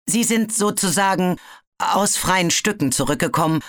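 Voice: mid-range voice, normal speed, fairly bright tone, no echo, studio quality, voice pushed up, natural voice. A storybook narrator voicing a nervous male dragon who stammers and hesitates. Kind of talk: audiobook character voice.

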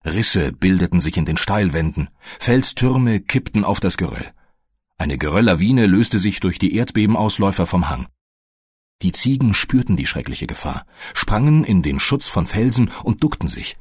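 Male narrator, low and husky, measured audiobook reading, dry close sound. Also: big pitch swings, darkish tone, dry recording. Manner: slow, measured storytelling.

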